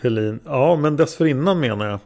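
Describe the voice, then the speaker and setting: A man's voice: medium pitch, lively intonation, darkish tone, natural voice. A man voicing a male prosecutor who questions a witness step by step, in a methodical way. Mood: probing.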